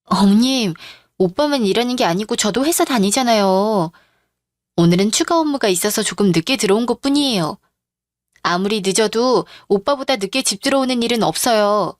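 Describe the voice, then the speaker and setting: A woman's voice: mid-range voice, lively intonation, moderate pace, dry recording, studio quality, lightly acted. A woman voicing a young wife who answers her mother-in-law politely but firmly in a radio drama. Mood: indignant. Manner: polite but firm, formal speech.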